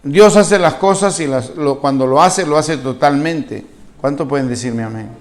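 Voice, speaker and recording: A Venezuelan man preaching a sermon with a fairly high voice, telling the story with animation. He puts questions to the congregation and acts out each speaker's words with a changing voice. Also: moderate pace. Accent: Venezuelan Spanish. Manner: acts out the quoted speakers with a shifting voice. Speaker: pastor.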